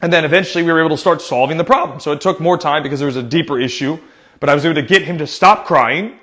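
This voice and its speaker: Chatty American coach, slightly high voice. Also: male voice, rapid-fire. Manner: animated storyteller who acts out his own loud quoted lines; conversational, with many fillers and "right?" tags. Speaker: youth soccer coach. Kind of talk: casual coaching advice talk.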